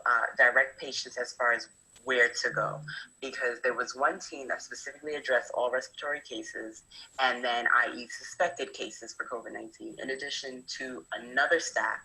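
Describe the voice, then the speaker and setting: A medical student intern in her young adult years, from New Jersey, USA, gives a prepared talk from experience, methodically walking through a hospital's procedures with many fillers. She has a bright, forceful bass voice. The recording is low quality.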